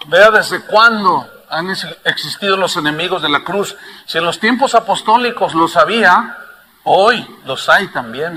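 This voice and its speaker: Male pastor, high bright voice, fervent preaching, faint noise behind. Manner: impassioned, shifts from hushed to loud. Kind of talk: sermon.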